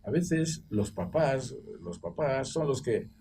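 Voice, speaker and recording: An older man from Equatorial Guinea, a former school director, telling animated anecdotes and acting out quoted voices on a television roundtable. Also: medium pitch, takes it slowly. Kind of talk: roundtable debate. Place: TV studio. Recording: distant mic with faint background noise.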